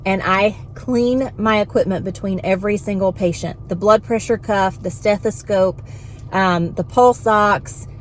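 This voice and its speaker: A woman, a vlogger and home health worker telling an animated, exasperated story in casual venting style. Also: medium pitch, measured pace, a little hiss or hum.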